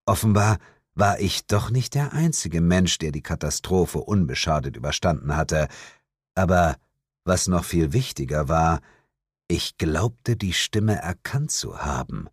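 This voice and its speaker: A man's voice: low-pitched, expressive, a little slow, husky, no room sound. A man narrating a first-person story as an audiobook, with dry, wry storytelling.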